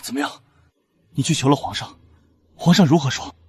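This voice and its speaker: An actor playing a smug, self-assured unfaithful prince consort in a period drama, speaking with emphatic self-satisfaction. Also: male voice, mid-range voice, fairly quick, breathy edge, dry recording. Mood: pleased. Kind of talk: Chinese period short-drama acting.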